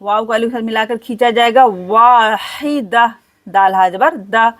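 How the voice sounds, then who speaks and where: A woman teaching Quran recitation step by step, spelling out letters and then reciting each word slowly and drawn out. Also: fairly high pitch, steady tone.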